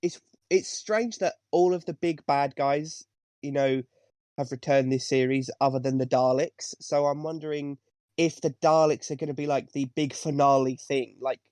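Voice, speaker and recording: A man's voice: a little high, fairly even intonation, normal speed, a little mellow, no echo. A young man on a podcast panel, teasing and playful in casual chat. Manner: teasing, playful, mock-outraged.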